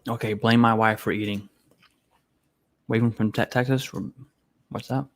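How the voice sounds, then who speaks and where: A man's voice: fairly low pitch, fairly even intonation, moderate pace. A man hosting a casual live Q&A stream, reading viewer questions aloud and answering bluntly and informally. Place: home setup, eating while streaming.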